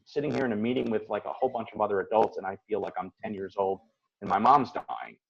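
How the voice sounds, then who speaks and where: Gravelly, husky man coaching on a call. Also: fairly low pitch, quick pace, highs cut off. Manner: earnest, reflective, acts out his own inner voice. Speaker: host and coach. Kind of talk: casual motivational talk on a call.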